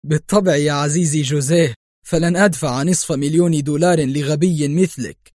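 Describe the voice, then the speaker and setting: A man's voice: fairly high pitch, fairly quick, dry recording, clean studio sound, voice pushed up, natural voice. A man voicing Adham, a cool mocking hero. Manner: calm and sarcastic. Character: cool, mocking male hero facing captors.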